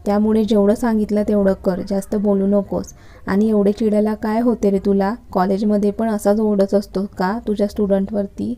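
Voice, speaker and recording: A firm middle-aged father who teases his son, read aloud by a woman. The tone is deeply dark and mellow, with a flat delivery. It sounds like a storybook reading. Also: moderate pace, lightly acted. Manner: firm, bantering.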